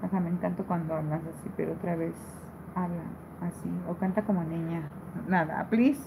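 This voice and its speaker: A woman's voice: on the low side, fairly even intonation, moderate pace, creaky, noisy background. A woman hosting a casual live stream, reading viewer comments aloud and answering them in a playful, affectionate way. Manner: playful, teasing, laughs often.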